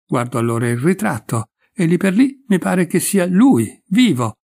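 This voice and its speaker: A man's voice: sits high, very animated, unhurried, vocal fry, darkish tone, pitched above the performer's own voice, heavily acted. A man reading the lines of a young grieving woman, earnest and a little hurt. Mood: wistful.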